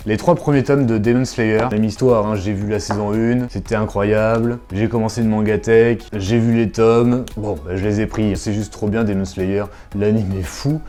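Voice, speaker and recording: A man's voice: mid-range voice, warm tone. A man chatting casually to his viewers in a vlog review, digressive and full of fillers as he talks them through his purchases. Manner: addresses viewers directly. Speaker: manga YouTuber.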